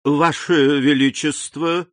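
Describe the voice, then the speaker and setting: A man's voice: on the high side, fairly even intonation, slow pace, no echo. A man voicing a panicked, groveling police minister who stammers and pleads before his king. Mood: pleading, panicked.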